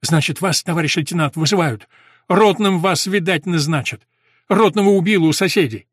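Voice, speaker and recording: A man's voice: fairly high pitch, normal speed, husky, no echo, studio quality, voice pushed up. A man voicing an eager young army messenger who chatters in rustic speech.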